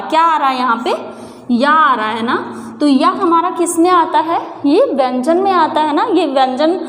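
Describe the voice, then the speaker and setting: A woman teaching a grammar lesson, patiently asking questions to the viewer and answering them herself. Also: high-pitched. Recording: echoey room with reverb.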